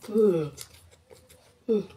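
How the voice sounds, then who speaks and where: A woman in her thirties chats casually while eating, in a mukbang style. She speaks in short phrases with a full mouth and savouring hums, at a medium pitch. It is a home phone recording with faint noise and small clicks. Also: extremely slow, warm tone, recorded from a distance. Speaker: mukbang vlogger. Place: indoors, living room at home. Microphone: phone at arm's length.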